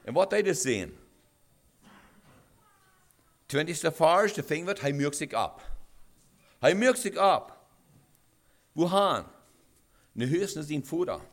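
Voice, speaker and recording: A man preaching a sermon in a halting way, with restarts and rhetorical questions. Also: on the high side, very animated.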